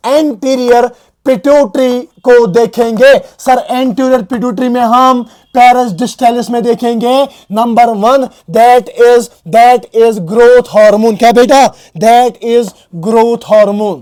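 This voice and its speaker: Teacher with a sore throat and high voice. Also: male voice, a little mellow. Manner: repeats terms and quizzes students, calling them "beta"; mixes English terms into Hindi. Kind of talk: recap and whiteboard lecture.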